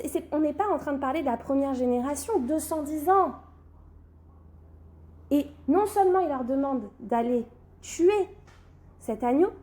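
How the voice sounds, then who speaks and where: A high, warm-toned woman teaches a religious class on Torah while suffering from a cold; the session is recorded. She questions her students, responds with the answers, and often tags on "d'accord?"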